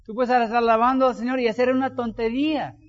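A man preaching a sermon as pastor, telling anecdotes in an animated way. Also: very high-pitched, quick pace. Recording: dull lo-fi sound with long hall reverb.

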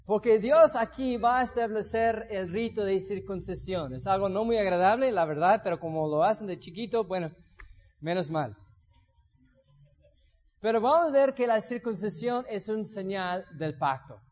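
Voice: mid-range voice, normal speed, a little mellow. A preacher delivering a sermon in a church, reading scripture aloud and telling stories in a conversational way. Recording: dull lo-fi recording in an echoey hall.

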